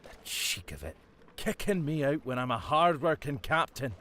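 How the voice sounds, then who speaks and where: Gruff Scottish sea captain, bragging, lively delivery. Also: male voice, medium pitch, normal speed, slight background noise. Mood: grumbling. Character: boastful Scottish ferry captain, bird-loving, brash man. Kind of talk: voiced game dialogue.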